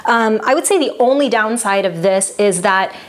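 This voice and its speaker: A woman coach talking casually to camera, sharing personal care tips in a relaxed, chatty way with frequent fillers. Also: medium pitch, moderate pace. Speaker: wellness coach and vlogger. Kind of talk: casual product tutorial to camera.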